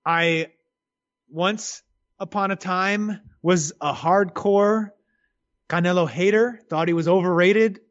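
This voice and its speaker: Male boxing co-host, high voice, playful and emphatic, dull lo-fi sound. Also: takes it slowly. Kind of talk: casual boxing chat.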